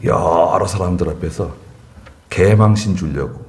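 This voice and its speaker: A man's voice: sits low, unhurried, a little mellow. A male pastor preaching a sermon in church, telling stories with chuckling asides. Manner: anecdotal storytelling, chuckling asides.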